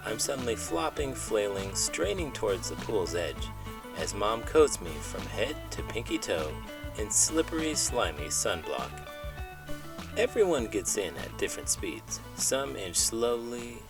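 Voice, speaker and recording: Scripted puppet banter and expressive storybook reading come from a middle-aged host of children's read-alouds. His voice sits lowish with vocal fry, and he leans on dramatic, playful emphasis.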